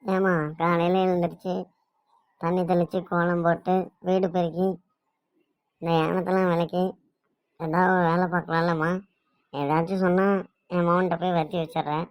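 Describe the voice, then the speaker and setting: A woman's voice: on the low side, little pitch movement, normal speed, long pauses, dry recording, lo-fi sound, natural voice. A woman voicing a scolding, self-pitying old mother-in-law in a cartoon comedy, complaining and grumbling on and on.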